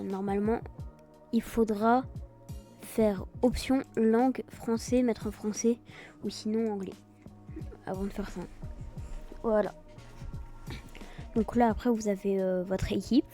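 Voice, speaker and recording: Woman, very dark muted timbre, French accent with English-sounding words, casual hesitant tutorial host, music behind. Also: mid-range voice. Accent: French, with an English-like accent on some words. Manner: hesitant, improvised explaining. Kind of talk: casual screen-recorded software tutorial.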